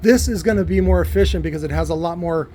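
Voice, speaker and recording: Faint music plays behind a man with a high, mellow voice who talks a listener informally through technical details. He's an electronics builder explaining a device, and his delivery is halting, with words repeated mid-sentence.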